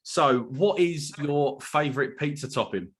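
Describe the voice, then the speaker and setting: A man's voice: a little high, unhurried, fairly bright tone, slightly rough. A man hosting a casual podcast interview, laughing often and bantering with his guests between questions. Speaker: podcast host.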